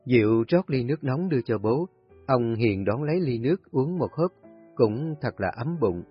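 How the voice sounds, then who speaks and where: Husky man narrating a story. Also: mid-range voice, normal speed. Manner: calm, steady storytelling. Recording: husky voice, dull lo-fi audio, faint music.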